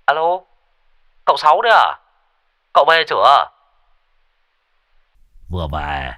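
A man voicing a brash young village man who talks shrilly, fast and pushily. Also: huge pitch swings, bright, forceful tone, exaggerated voice. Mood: excited pleading. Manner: shrill, rapid and pushy.

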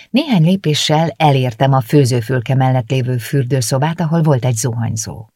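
A woman narrating a novel in the first person, measured and lightly ironic. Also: a bass voice, a little mellow, slightly rough, dry recording, clean studio sound. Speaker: audiobook narrator. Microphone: close studio mic.

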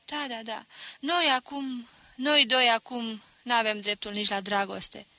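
Voiced by a female reader, a sad but firm young woman urgently pleads, leaning hard on her words. The tone is very bright and sharp, a little high with fairly even intonation, and the close, dry recording has no echo.

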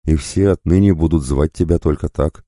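A man voicing a cold, vengeful woman who condemns a traitor, speaking slowly and intoning each word. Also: extremely low pitch, mellow, no echo, studio quality. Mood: condemning.

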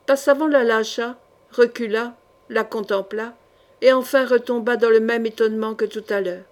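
Brief : narratrice femme, lecture mesurée et expressive, timbre assez haut. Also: female voice, fairly high pitch, moderate pace. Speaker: audiobook narrator. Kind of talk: scripted narration of a historical novel.

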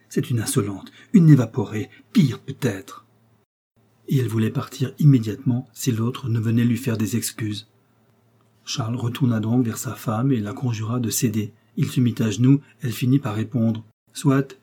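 A man reading a classic novel aloud in measured, expressive narration. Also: fairly low pitch, slightly rough. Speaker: audiobook reader. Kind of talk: scripted literary narration.

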